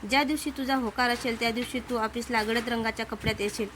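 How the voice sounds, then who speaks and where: A woman's voice: a little high, steady tone, fast talker, fairly bright tone, a little hiss or hum, natural voice. A woman voicing a confident young male office boss who coaxes and insists. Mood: persuasive. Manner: coaxing, insistent.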